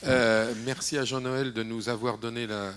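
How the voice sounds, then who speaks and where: An elected official, a man, speaks at a round table in a conference hall. He hesitates and restarts often, and his pitch sits in the middle. He drops jokey asides along the way. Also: fairly even intonation, normal speed, a bit bright, slight background noise.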